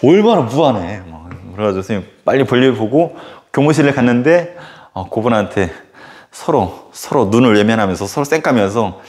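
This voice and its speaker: A man who teaches middle-school history, telling a casual anecdote in a lecture with animated storytelling and lots of filler words. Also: on the low side, brisk. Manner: animated storytelling full of filler words and sudden acted outbursts.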